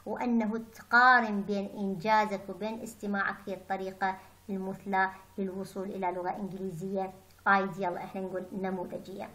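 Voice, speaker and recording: Woman teacher, slow careful English. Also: medium pitch, level tone, fairly bright tone, low-quality recording. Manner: hesitant, many fillers and restarts. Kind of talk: lecture mixing Arabic and English.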